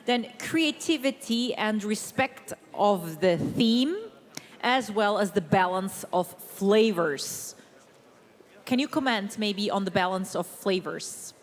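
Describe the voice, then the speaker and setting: A woman's voice: medium pitch, lively intonation, takes it slowly. Woman hosting live studio talk. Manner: moderating, asking guests questions. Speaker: studio presenter. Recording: long hall reverb.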